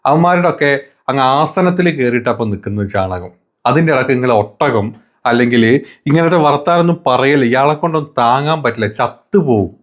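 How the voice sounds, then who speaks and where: A man's voice: medium pitch, animated, a little fast. A man hosting political commentary, mocking debate clips with sarcastic, crude insults and mock-affectionate taunts.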